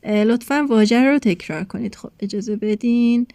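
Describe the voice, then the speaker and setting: A woman English teacher explaining a textbook lesson to her students, talking slowly with frequent filler sounds and switching between languages. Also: on the high side, dark tone, no room sound.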